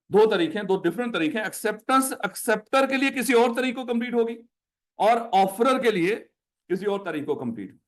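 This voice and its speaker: High-voiced Pakistani male lecturer. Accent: Pakistani Urdu. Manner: addresses students as "my child", repeats questions for drilling. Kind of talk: classroom lecture.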